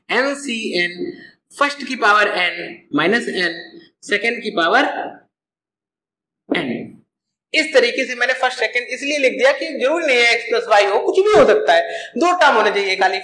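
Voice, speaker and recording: A man's voice: extremely high pitch, pushed and bright, echoey room, rough recording. A man teaching a math lesson, explaining step by step and asking and answering his own questions.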